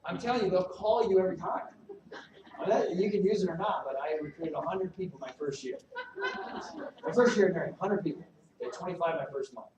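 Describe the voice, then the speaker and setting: A man giving a live recruiting training talk to his team, animated and salesy, joking with the audience. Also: high voice, fairly quick, highs cut off, background noise. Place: meeting room at a regional event. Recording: echoey room from a distance, faint ambience.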